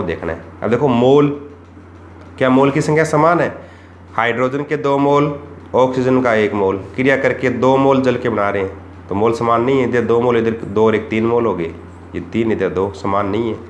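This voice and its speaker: A man teaching chemistry for exams, asking rhetorical questions and repeating the key points. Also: mid-range voice. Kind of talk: exam-prep lesson. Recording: echoey room with faint background noise.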